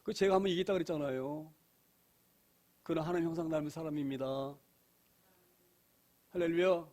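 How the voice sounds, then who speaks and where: Middle-aged male pastor, high voice, emphatic church sermon full of rhetorical questions and repeated phrases. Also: fairly even intonation, brisk, darkish tone. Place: church sanctuary.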